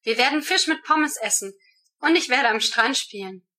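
A woman giving rehearsed answers to German speaking-exam questions in a steady, measured way. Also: high-pitched.

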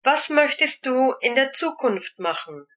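Slow, bright-voiced woman examiner. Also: sits high, big pitch swings. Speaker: examiner asking questions. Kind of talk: slow, clear exam prompts.

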